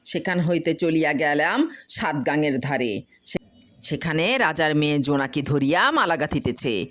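In a storybook reading, a woman voices a boastful village husband spinning excited tall tales, repeating words to build suspense. Her voice is deep and her pace normal.

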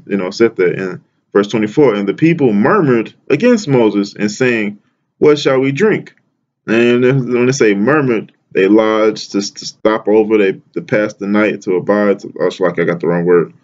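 A man reading Bible verses aloud and explaining them in a casual, slangy, excited way, often repeating words and calling the listener "man". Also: on the low side, dull audio. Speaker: bible teacher. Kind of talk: casual scripture reading and commentary.

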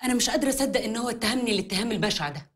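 Woman acting as a touchy young bride, high-pitched and rapid, sulky and sharp in a tv comedy. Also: animated, close to an everyday voice. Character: indignant young bride, quick to take offense.

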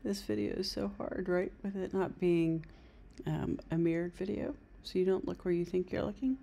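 A middle-aged woman in easy, casual conversation, practising as an amateur ventriloquist. Her voice is husky and mellow, with plenty of fry. She is close to the mic in a living room. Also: lowish voice, normal speed. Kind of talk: casual chat with a puppet. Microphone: device camera at close range.

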